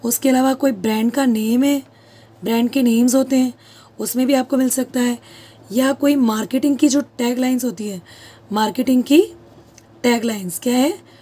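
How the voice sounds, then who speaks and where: Teacher woman with a dark husky voice. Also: on the high side, fairly even intonation, normal speed. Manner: asks questions and answers them herself, repeats key terms. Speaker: English teacher. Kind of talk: classroom-style lesson.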